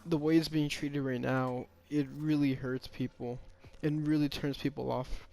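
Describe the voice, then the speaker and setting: A man's voice: on the high side, steady tone, normal speed, creaky, a little mellow. A man giving a casual, rambling opinion monologue about a game, often hesitating, restarting and sighing.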